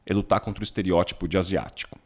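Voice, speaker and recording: A company CEO in his forties from São Paulo, Brazil, chats relaxedly as an interview guest, telling stories casually in São Paulo Portuguese and often tacking on tag questions. His voice is deep and fairly even in intonation, and he talks very fast.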